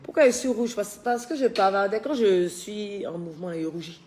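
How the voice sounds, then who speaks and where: A woman's voice: medium pitch, lively intonation, normal speed, a little mellow. Woman host, tired, chatty and teasing, casual live-stream talk. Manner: chatty, teasing, scolds workers. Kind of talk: casual live-stream chat reading viewer comments. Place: her villa under construction.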